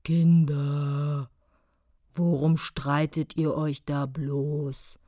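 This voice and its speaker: A woman reading a storybook aloud, voicing a grumbling old elephant with a slow, gurgling, rumbling voice. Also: little pitch movement, dark tone, dry recording, studio quality, heavily acted. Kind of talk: audiobook reading.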